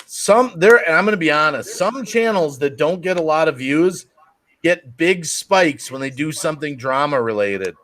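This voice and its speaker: A man's voice: on the high side, expressive, moderate pace, a bit bright. A man co-hosting a live stream in casual, joking chat.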